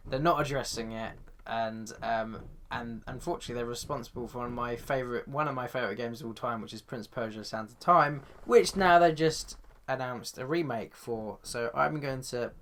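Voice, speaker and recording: A man co-hosting a casual podcast, talking in a relaxed, hesitant way with lots of fillers. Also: medium pitch, moderate pace, hardly any pauses. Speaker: podcast co-host. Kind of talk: casual chat.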